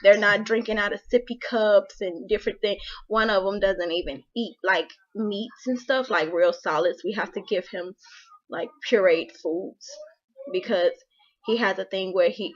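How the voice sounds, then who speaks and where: Emotional young mom vlogging, lo-fi sound. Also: female voice, mid-range voice. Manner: emotional, heartfelt, frequent "like" fillers. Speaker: vlogger, mother. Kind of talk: casual personal talk to camera.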